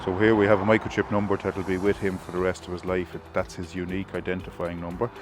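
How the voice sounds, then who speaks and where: Low, level-voiced man. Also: little pitch movement, fast talker, music in the background. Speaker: vet. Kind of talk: commentary while working.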